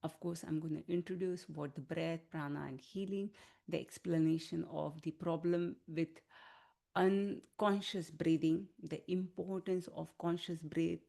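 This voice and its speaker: A woman leading an online wellness class as a healing teacher, giving soothing, unhurried instruction. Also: fairly low pitch, steady tone, vocal fry, dark tone. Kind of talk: online wellness class talk with guided relaxation.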